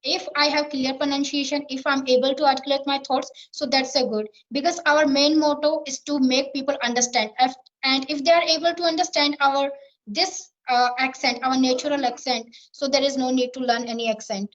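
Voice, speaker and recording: In this practice interview for spoken English, a female learner with an Indian English accent gives earnest answers full of repetition and fillers. She talks briskly in a high register with fairly even intonation, captured on dull-sounding audio.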